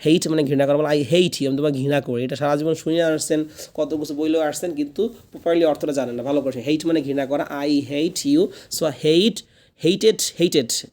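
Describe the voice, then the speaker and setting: A man teaching an English class, with Bengali as his first language. He is patient and repeats each word slowly so learners can drill it. His voice sits a little high and sounds warm and mellow. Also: fairly even intonation. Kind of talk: classroom lesson.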